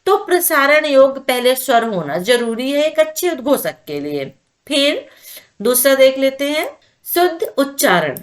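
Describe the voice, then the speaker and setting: A woman's voice: high-pitched, sing-song, a little slow. A woman teaching an exam-prep lecture, explaining step by step and checking in with the listener as she goes. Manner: explanatory, repeats points with "ठीक है".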